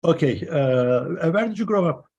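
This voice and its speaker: Male interviewer, relaxed and chatty, somewhat higher voice. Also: measured pace, breathy edge, muffled recording. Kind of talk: conversational interview.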